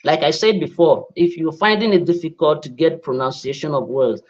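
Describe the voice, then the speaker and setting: A man, answering trainees' questions as a media trainer, halting and repeating words. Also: a little high, lively intonation, muffled recording.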